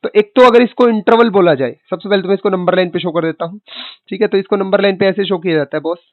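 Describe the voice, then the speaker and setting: A man's voice: sits high, fast talker, no echo. A male maths teacher giving an online lecture in a chatty way, calling his students kid and boss and asking their questions for them. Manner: voices students' questions, then answers them. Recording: dry, tinny phone-like sound.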